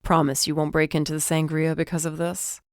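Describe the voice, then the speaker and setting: A woman voicing a wry, deadpan male police detective in an audiobook. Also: low voice, brisk, dry recording, studio quality.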